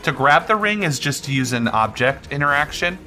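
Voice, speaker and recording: A man's voice: on the high side, expressive, fairly quick, bright, forceful tone, soft background music. A man acting as game master, casually narrating combat and rulings in a tabletop role-playing game.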